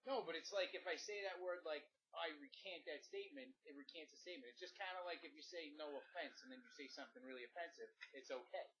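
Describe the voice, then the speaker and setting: A man's voice: on the high side, fast, few pauses, a bit bright, a little hiss or hum, lightly acted, rough recording. An actor with a Boston accent playing a goofy, dim-witted South Boston guy in an improvised comedy skit, rambling and laughing easily.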